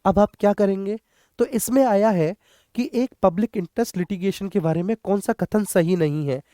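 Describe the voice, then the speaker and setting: Speaking at a normal speed with a high, warm voice, a man delivers an exam prep lesson built on questions and answers; the studio-quality recording is dry. He repeats the main points in an instructive way, uses English terms, and checks in with students as he addresses them directly.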